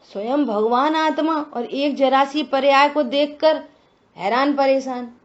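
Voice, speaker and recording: Slow-spoken woman teaching scripture. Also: high voice, lo-fi sound. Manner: slow and deliberate, many rhetorical questions. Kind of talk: religious discourse.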